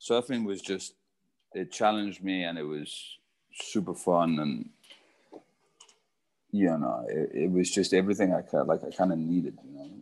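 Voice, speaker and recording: A man's voice: low voice, measured pace, pauses often, darkish tone. A young man from Zimbabwe, a surfer, talking casually as an interview guest with lots of fillers and restarts.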